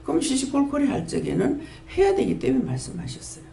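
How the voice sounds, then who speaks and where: Gravelly Gyeongsang woman in her fifties preaching. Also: fast talker. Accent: Gyeongsang Korean. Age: 50s. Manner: earnest, storytelling, lively pitch swings. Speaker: pastor of a prayer house. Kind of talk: sermon testimony. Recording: echoey room with faint ambience.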